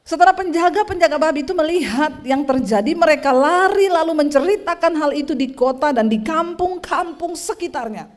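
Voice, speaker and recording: Middle-aged woman pastor, higher voice, animated sermon storyteller who addresses the congregation. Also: fairly quick, hardly any pauses. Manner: storytelling with lively swings in pitch and loudness.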